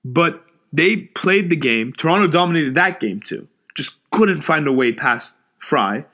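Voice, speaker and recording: Young man with a slightly higher voice talking football. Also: animated, sharp tone. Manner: easygoing, quick agreeing interjections. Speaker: podcast co-host. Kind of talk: casual sports chat.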